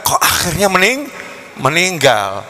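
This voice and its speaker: A man's voice: high voice, wildly swooping pitch, unhurried, bright, forceful tone. A man preaching a sermon in a mosque, telling a story in a casual, joking way and switching between voices. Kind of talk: sermon with lively comic storytelling. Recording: long reverb of a mosque hall.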